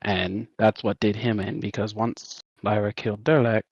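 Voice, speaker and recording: A man's voice: fairly low pitch, level tone, normal speed, gravelly, a little mellow, breathy edge, no echo, muffled recording. A man playing a tabletop game, speaking in character in a playful, boastful way. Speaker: player. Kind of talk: in-character tabletop role-play.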